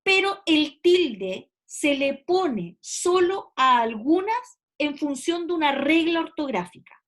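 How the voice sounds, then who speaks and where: A woman's voice: high-pitched, animated, takes it slowly. A woman teacher explaining grammar to a class step by step, often checking understanding. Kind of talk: classroom lecture.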